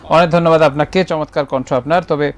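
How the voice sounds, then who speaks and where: A man hosting a live call-in music show, friendly and gently correcting callers. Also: a little high, steady tone, fairly quick, a crowd in the background.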